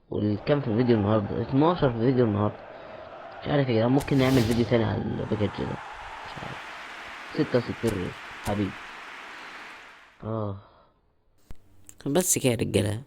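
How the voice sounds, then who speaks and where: A man's voice: lowish voice, vocal fry, dark tone, a little hiss or hum. A young man with an Egyptian accent giving casual pack-opening commentary, chatty and mock-exasperated as he pleads with the game. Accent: Egyptian Arabic. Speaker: gaming YouTuber.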